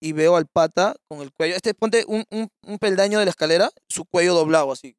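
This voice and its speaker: Young Peruvian man, casual storyteller, high and quick, slangy and animated, dry close sound. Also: smooth, no room sound. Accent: Peruvian Spanish. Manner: slangy, animated storyteller acting out quoted voices.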